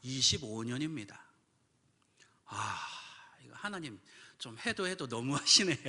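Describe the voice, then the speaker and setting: Male pastor preaching, high bright voice, lots of whispers and big loud buildups, long church reverb. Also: very animated, a little slow, husky. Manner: dramatic, with acted quotes, sudden whispers and loud build-ups. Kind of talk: sermon. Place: church sanctuary.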